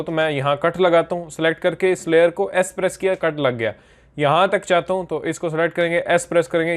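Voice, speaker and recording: A man with a slightly high voice walks viewers through editing software step by step. He talks in a casual teaching manner and drops English terms into his explanations as he clicks around. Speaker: video editing instructor. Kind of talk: screen-recorded software tutorial.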